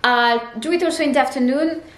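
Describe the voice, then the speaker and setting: A woman's voice: high voice, a little fast, reverberant. A woman vlogger talking casually to camera in a video diary. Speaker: vlogger, amateur runner.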